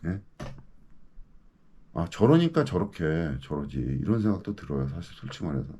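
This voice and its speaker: A man in his fifties rants with mounting indignation, his pitch leaping and dropping in lively swings. His voice sits low and dark. Again and again he demands answers from the people he is addressing. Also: normal speed, slightly rough, lo-fi sound. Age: 50s. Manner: indignant, ranting, keeps demanding "예?". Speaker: local news commentator. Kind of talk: ranting monologue to camera.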